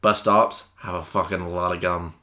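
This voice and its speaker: A man's voice: sits low, level tone, normal speed, bright, forceful tone. A young man from Canada co-hosting a podcast, chatting casually, joking, laughing often and swearing. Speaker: podcast co-host. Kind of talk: casual chat.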